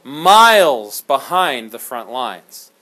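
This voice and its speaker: Animated, jokey male teacher in a classroom. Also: medium pitch, slow. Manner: animated, jokey, dramatic storyteller. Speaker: history teacher. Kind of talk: classroom lecture.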